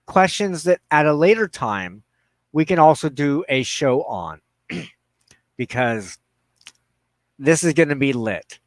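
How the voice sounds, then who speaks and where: Speaking into a headset mic from a trailer, a livestream host of a spiritual ministry show rambles casually in slang to his viewers. His voice runs on the high side, and there's no room sound.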